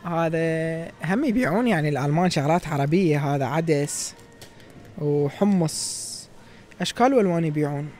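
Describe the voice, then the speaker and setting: A young man in his twenties with an Iraqi Arabic accent, giving chatty, lively tour-guide commentary as a vlogger in a large indoor supermarket, recorded on a handheld phone. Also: on the high side, moderate pace, faint music behind. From Iraq. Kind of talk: casual walk-through vlog.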